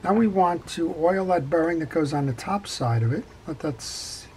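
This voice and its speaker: A middle-aged man calmly talking through a step-by-step reel repair at his workbench, with frequent fillers as he works. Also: on the high side, moderate pace, background noise. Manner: calm, practical, talks while working, frequent fillers. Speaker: fishing reel repair instructor. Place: workshop bench.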